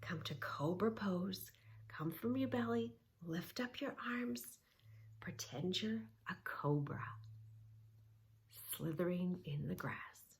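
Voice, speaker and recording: A gentle kids' yoga teacher reads a picture book to children and guides them through poses. She speaks slowly in a low, soothing voice, giving calm, clear instructions.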